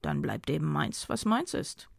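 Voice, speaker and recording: A woman's voice: deep voice, big pitch swings, unhurried, creaky, dry recording, clean studio sound, heavily acted. Woman doing a smug, cocky male journalist. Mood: teasing. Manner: condescending, mocking banter.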